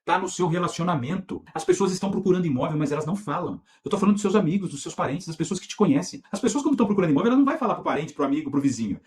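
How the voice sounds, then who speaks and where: A middle-aged Brazilian man delivers a sales lesson at a rapid clip, his speech tumbling forward with energy. His voice sits a little high and swings widely in pitch as he stresses points and fires off rhetorical questions. It sounds like a recorded online course. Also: lively intonation, darkish tone. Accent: Brazilian Portuguese. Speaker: real estate sales instructor.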